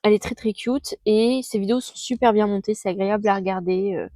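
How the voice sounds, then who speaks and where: Woman in her 20s, vlogger. Chatty, slangy, lots of fillers. Dark, mellow tone, dry recording outdoors. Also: medium pitch, quick pace, dry recording. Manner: chatty and scattered, with youthful slang and many fillers. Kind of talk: casual monthly recap vlog. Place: outdoors under a tree.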